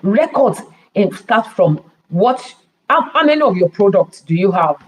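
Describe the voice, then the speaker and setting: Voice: mid-range voice, sing-song, unhurried, slightly rough, low-quality recording. A podcast host with a Nigerian accent giving business advice, emphatic and full of rhetorical questions. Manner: emphatic, repeats key words.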